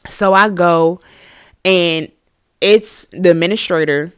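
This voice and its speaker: A woman podcast host telling a casual storytime tale. Her delivery is animated and profane, and she uses a lot of filler words. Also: fairly low pitch, takes it slowly, clear, resonant tone, no echo, clean studio sound.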